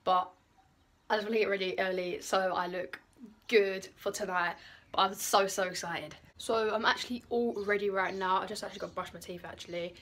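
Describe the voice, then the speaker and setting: A woman with a British accent vlogging to camera in a gushing, excitable way, repeating words for emphasis. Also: mid-range voice, a little fast. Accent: British English. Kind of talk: casual vlog to camera. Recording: noisy handheld vlog audio.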